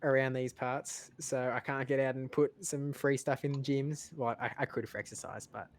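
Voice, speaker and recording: A man chatting casually on a podcast, rambling and haltingly repeating words as he thinks aloud. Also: mid-range voice, steady tone. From lives in Australia. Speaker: podcast panelist.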